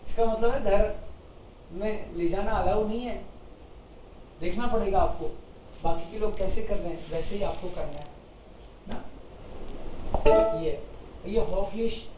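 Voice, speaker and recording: A man teaching a German lesson, explaining each German sentence slowly in Hindi. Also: sits high, warm tone, recorded from a distance, a little hiss or hum. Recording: echoey room, voice from off-mic.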